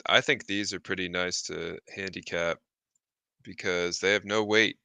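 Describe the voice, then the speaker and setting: A man co-hosting a race stream, giving measured, hedging handicapping thoughts. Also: sits low, steady tone, creaky, bright, forceful tone, clear, resonant tone, no room sound. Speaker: racing co-host. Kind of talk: casual handicapping talk.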